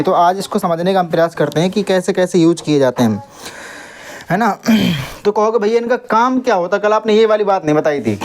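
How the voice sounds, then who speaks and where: A young man teaches English grammar in a classroom, posing questions to the pupils and answering them himself, occasionally scolding the noisy ones to be quiet. His voice sits high and sounds a little mellow.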